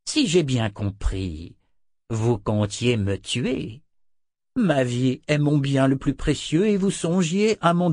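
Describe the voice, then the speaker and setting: A man reading a French audiobook, voicing a sly, theatrical male wizard who speaks slowly and deliberately with mock sincerity. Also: medium pitch, a little mellow, no room sound, clean studio sound.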